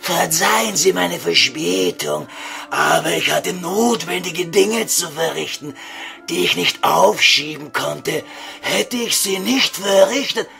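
Here is a pompous, evasive vampire count from a comedy audio sketch. He speaks ornate standard German in a heavily creaking voice, raised in pitch. The delivery is drawn-out and sharp-edged. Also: sing-song, faint music behind, full character voice. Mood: courtly, evasive. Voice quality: gravelly, creaky.

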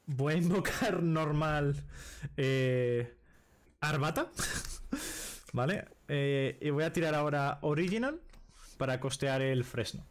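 Speaking slowly and pausing often, this young adult from Spain has a slightly high voice. He's streaming a card game from a small room at home, musing aloud with "vale" in nearly every line, picked up by a desk microphone and headset.

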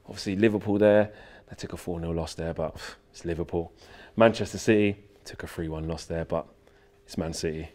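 The host's low-pitched, slightly mellow voice holds a steady tone, moving a little fast with few pauses while a long reverb tail lingers. Holding a handheld mic, he gives his fan channel a chatty, jokey tour of an empty stadium dressing room and corridor indoors in a casual walkthrough vlog.

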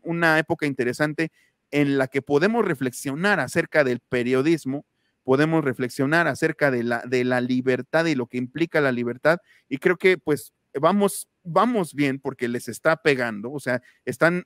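A man with a Mexican accent giving political commentary on a panel show, speaking in a halting way with frequent restarts and repeated words. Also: on the high side, fairly bright tone, no room sound, studio quality. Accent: Mexican Spanish.

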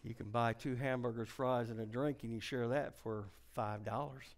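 A middle-aged man preaching a revival sermon, telling folksy stories and swinging from hushed near-whispers to shouted climaxes. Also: medium pitch, fairly even intonation, normal speed.

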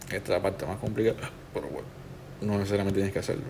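Male tutor, lowish voice, relaxed step-by-step walkthrough. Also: quick pace, gravelly, background noise. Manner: relaxed, instructive, talks the viewer through each step. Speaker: tattoo artist teaching a digital stencil technique.

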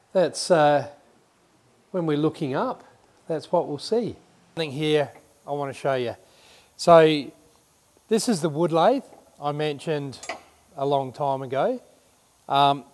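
A chatty middle-aged tradie, a renovation vlogger with a medium-pitched male voice, does a casual show-and-tell to camera. He rambles and corrects himself as he talks inside a large workshop shed, with the shed's reverb audible.

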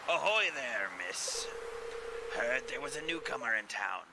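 A man's voice: medium pitch, animated, a little slow, vocal fry, background noise, pitched above the performer's own voice. A man voicing a jovial, folksy old fisherman with a pirate air, reading out video game dialogue. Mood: hearty, jovial. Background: game music.

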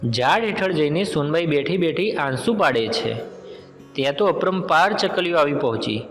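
A man's voice: fairly high pitch, moderate pace. Male storyteller, roomy hall, music behind. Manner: steady, plain storytelling. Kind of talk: scripted folk tale narration. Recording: reverberant hall with background music.

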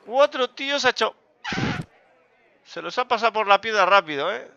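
A man giving joking, self-mocking commentary over a poker game, with bursts of loud excitement. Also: high voice, normal speed, gravelly, clean tone, no echo, highs cut off. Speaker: gaming youtuber.

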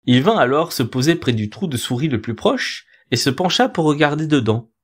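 A man narrating a folk tale in an expressive, theatrical storytelling manner. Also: on the high side, normal speed, husky.

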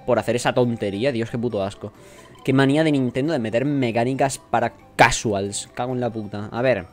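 A man's voice: medium pitch, fairly quick. A young man with a Spanish accent from Spain, casually commentating as he plays a video game, swearing often and reading game lines aloud in jokey voices. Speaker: let's play gamer. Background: faint game music.

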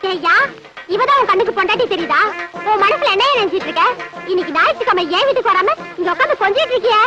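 A woman's voice: extremely high pitch, lively intonation, quick pace, lo-fi sound, over loud music. A woman acting a jealous co-wife in a film comedy, scolding shrilly. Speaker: actress in film scenes.

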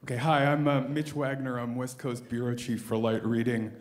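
A man's voice: mid-range voice, flat delivery, moderate pace. A man, a journalist, asking a question from the audience in a large conference hall, joking at his own expense and hesitating between phrases. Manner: self-deprecating, joking, hesitant.

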